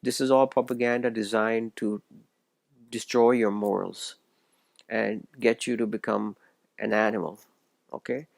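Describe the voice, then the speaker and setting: A man's voice: lowish voice, fairly even intonation, unhurried, creaky, long pauses, dry recording. A man from Pakistan, giving an earnest, preachy solo commentary and often stumbling and restarting his phrases. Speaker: video essayist. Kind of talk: solo religious commentary monologue.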